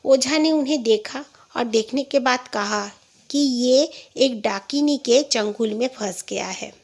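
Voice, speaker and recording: Higher-pitched woman telling a horror story. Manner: retells quoted dialogue in her own voice, with fillers and restarts. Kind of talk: casual spoken horror story.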